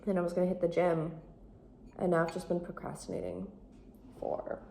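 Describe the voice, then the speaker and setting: A woman's voice: on the low side, level tone, normal speed, dark tone. Chatty woman vlogging on her phone. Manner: chatty, rambling and self-deprecating. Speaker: vlogger and photographer. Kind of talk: casual vlog chat. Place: at home, indoors. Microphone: phone held by the speaker. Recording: roomy, distant phone audio with faint noise.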